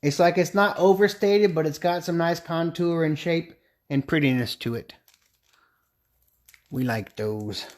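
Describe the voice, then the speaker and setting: A woodturner on a live stream chats casually while turning a pen and replying to viewer comments. His voice is slightly high, and he speaks a little slowly.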